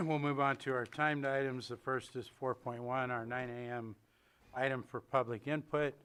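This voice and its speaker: A man's voice: medium pitch, steady tone, normal speed, a bit bright, clean tone. Plain-spoken man chairing a meeting. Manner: procedural, plain, with um's. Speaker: board chair. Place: county board meeting room.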